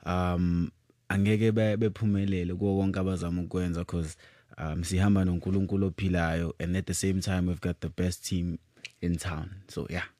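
Young man with a low, halting voice. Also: little pitch movement, mellow, no room sound. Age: 20s. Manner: halting, full of fillers. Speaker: musician guest. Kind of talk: casual interview answers.

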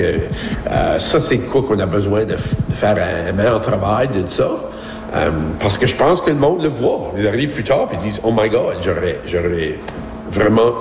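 A man in his fifties from the Evangeline region of Prince Edward Island, Canada, speaks in the Acadian French accent of that island, his voice slightly deep. A school board employee and former principal, he gives an informal, reflective, halting talk at a community discussion, rephrasing as he goes. The echoey hall is very reverberant, with faint background noise.

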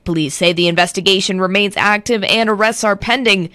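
A woman reading the local news and weather on the radio in a smooth, polished broadcast delivery from a script. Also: mid-range voice, brisk, no room sound, studio quality. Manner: polished, even-paced read from script.

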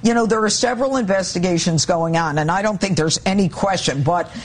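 A woman prosecutor giving a news interview in firm, measured legal phrasing. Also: fairly low pitch.

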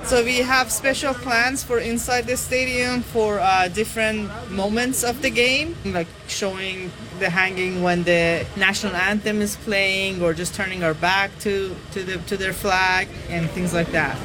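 A woman's voice: mid-range voice, steady tone, a little slow, hardly any pauses, rough recording. Matter-of-fact woman organizer. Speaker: protest organizer. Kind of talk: interview clip.

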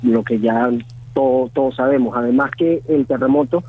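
A Venezuelan man in his thirties with a Venezuelan Spanish accent, speaking as a guest in a phone interview, halting and full of fillers and restarts. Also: medium pitch, husky. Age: 30s. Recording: tinny phone line.

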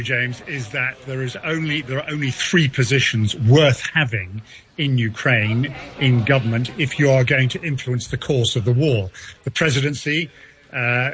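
A man's voice: medium pitch, normal speed, fairly bright tone. A male diplomatic correspondent giving articulate live analysis to a news presenter.

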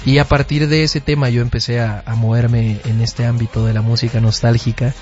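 A man's voice: medium pitch, flat delivery, fairly quick, darkish tone, dull audio. A young man from Guatemala, a musician guest on a radio show. He talks in a friendly, easygoing way in a studio booth. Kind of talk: casual radio interview. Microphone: studio microphone. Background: faint music.

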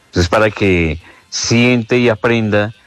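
A man leaving a formal, deliberate voice note as a radio listener. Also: fairly low pitch, no echo.

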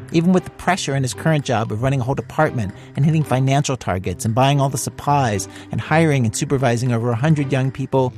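A man's voice: medium pitch, darkish tone. A man narrating a scripted radio story as a reporter, in a conversational style.

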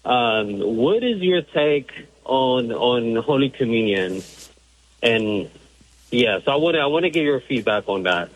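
A man's voice: medium pitch, expressive, measured pace. A man from Georgia calling in to a radio show over a phone line, asking his question hesitantly with many fillers. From Georgia, USA. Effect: heard over a phone line. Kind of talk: call-in question. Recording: dull, muffled phone line.

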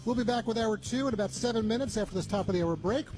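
A man's voice: high-pitched, very fast. A man hosting a radio travel show, chatty and upbeat, with frequent fillers. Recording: music bed behind voice.

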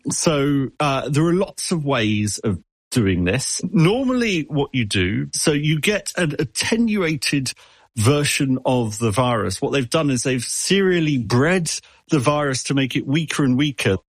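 A man's voice: mid-range voice, lively intonation, a little slow, husky, no echo. A man answering an interviewer as an expert, explaining with analogies and often stumbling over repeated words. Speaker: expert guest.

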